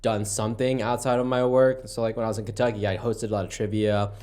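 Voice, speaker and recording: A young American comedian chats easily about his life on a podcast, rambling in a relaxed way from a podcast studio. He speaks fast in a fairly low, level, slightly mellow voice.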